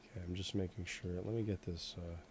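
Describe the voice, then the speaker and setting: A man's voice: deep voice, steady tone, a little fast, darkish tone, a little hiss or hum. A man chatting casually while he sculpts on screen, rambling, with lots of "you know" and "like," and swearing now and then. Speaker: host sculpting in 3D software. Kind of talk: casual chat while working.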